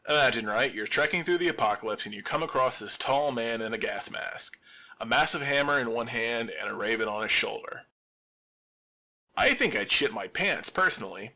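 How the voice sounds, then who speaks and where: A man performs a scripted audio drama monologue as a lone survivor hosting a radio show, delivering wry, deadpan humor in a mid-range voice.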